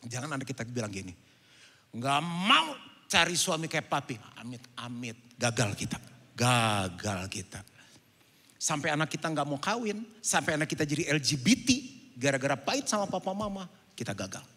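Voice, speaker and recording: A middle-aged man preaching a sermon as pastor at a church service, telling lively stories and mixing English phrases into his talk. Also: mid-range voice, fairly quick. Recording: long church-hall reverb.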